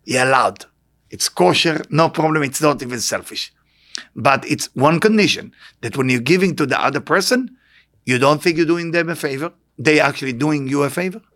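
Slightly high and a little bright, the man's voice keeps a moderate pace. He has an Israeli accent and is speaking as a spiritual teacher, giving an emphatic, anecdote-filled inspirational talk to a live crowd and repeating short phrases.

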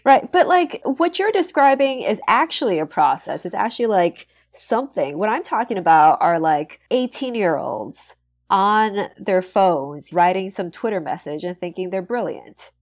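A woman co-hosting a podcast in casual chat, wry and quick to laugh. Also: medium pitch, big pitch swings. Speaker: podcast co-host.

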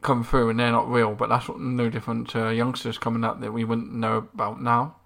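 Even-toned, creaky-voiced male podcast co-host. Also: medium pitch, a little fast. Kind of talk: casual podcast discussion.

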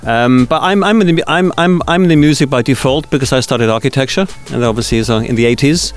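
A Swiss radio festival organizer, appearing as an interview guest, tells stories full of asides in a chatty, anecdotal way, with fillers and restarts. His medium-pitched voice is fast and clean.

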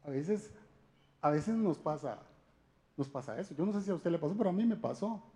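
A man's voice: a little high, expressive, brisk, warm tone. A man giving a conversational sermon talk, speaking directly to his listeners with frequent rhetorical questions. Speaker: church speaker.

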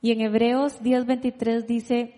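A woman's voice: a little high, flat delivery, a little slow, warm tone, long reverb tail. A woman preacher giving a sermon, reading scripture aloud and posing rhetorical questions to her listeners. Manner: asks rhetorical questions and invites the audience to read along.

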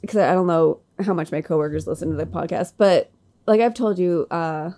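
Co-hosting a podcast, a woman with a Boston accent chats casually, rambling with lots of fillers and swearing. Her voice is fairly low and dark-toned, and she speaks at a normal speed.

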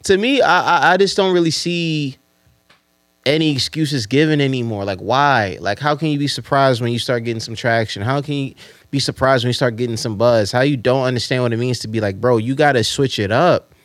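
A male podcast host chats casually in a medium-pitched voice. He is emphatic and slangy, repeating rhetorical questions to press his point. The sound is very dry. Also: a little fast, a bit bright, no echo. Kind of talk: casual chat.

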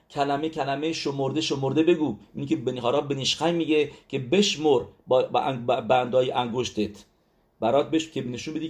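In a medium-pitched, slightly mellow voice, a man teaches a religious lesson about letter numerology. He talks emphatically, keeps returning to important words and checks that his listeners are following.

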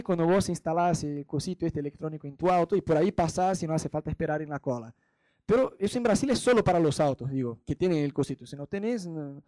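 A man's voice: fairly high pitch, darkish tone, dry recording. A man from Brazil preaching a sermon, chatty and direct, acting out little anecdotes with quoted voices. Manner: storytelling with acted-out quotes; chatty, addresses listeners directly.

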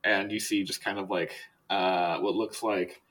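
Bright-voiced man running a tabletop game. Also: deep voice, flat delivery, measured pace. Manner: casual, filler-heavy narration. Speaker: game master.

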